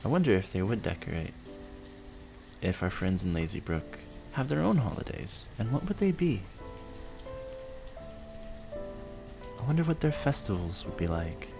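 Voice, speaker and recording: A man rambling softly and sleepily, musing gently and without hurry in short phrases as he hosts. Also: on the low side, very animated, measured pace, vocal fry, long pauses, music in the background. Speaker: host of a relaxed rambling show. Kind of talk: soft sleepy rambling, narrating a town-building game.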